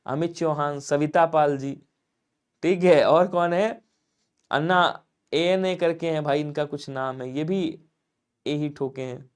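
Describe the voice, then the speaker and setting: A man from Lucknow teaching a live online exam-prep class, with a fairly high voice. He fires questions at viewers and answers them himself in a call-and-response rhythm. He keeps pushing people to comment fast. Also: clean tone. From Lucknow, India. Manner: drills answers by asking and answering his own questions; urges viewers to comment quickly. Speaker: Hindi teacher.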